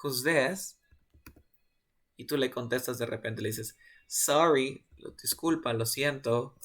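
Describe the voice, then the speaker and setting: A man teaching an online English lesson to Spanish speakers, repeating phrases slowly and quizzing his students. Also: medium pitch, a bit bright.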